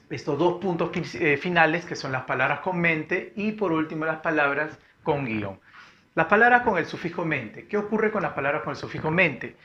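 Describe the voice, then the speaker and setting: Slightly high-voiced male teacher, lo-fi recording. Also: a bit bright. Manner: explanatory, repeats key words, asks rhetorical "¿no?". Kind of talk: recorded grammar lesson. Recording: dull lo-fi recording with faint noise.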